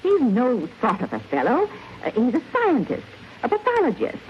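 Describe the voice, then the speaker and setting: A woman's voice: a little high, wildly swooping pitch, moderate pace, a little hiss or hum. An actress playing a middle-aged aunt and landlady in an old radio thriller, fussy, eager and easily flustered. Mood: brisk, fussy. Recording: muffled vintage radio recording, loud music underneath.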